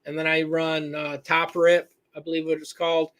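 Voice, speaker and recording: A man's voice: fairly high pitch, monotone, moderate pace, a bit bright. A man from Michigan hosting a live-stream Q&A, answering viewers in a rambling, self-correcting way and reading their names from the chat. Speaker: host answering viewer questions.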